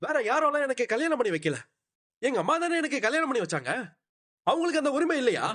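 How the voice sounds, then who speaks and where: A young man confronts his elder with indignant heat. His high voice swings widely as he argues. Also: sing-song, fast talker, fairly bright tone, exaggerated voice. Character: angry young husband defending his mother.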